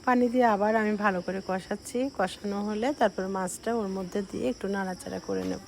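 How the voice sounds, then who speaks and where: A middle-aged woman talks through her cooking in a slow, soft, unhurried way. A cold leaves her a little short of breath as she speaks. Her voice sits at an ordinary pitch, with a faint hiss of noise in the background. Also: fairly even intonation, creaky. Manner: slow, soft-spoken explaining. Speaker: cooking vlogger. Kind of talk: casual cooking voice-over.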